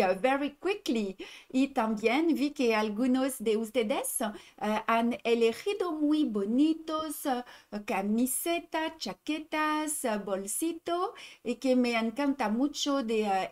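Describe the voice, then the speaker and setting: Woman host with a French accent, slightly high voice, chatty livestream style, reads comments aloud. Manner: chatty, reads out viewer comments, repeats herself in three languages. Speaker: embroidery shop host. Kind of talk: casual livestream chat.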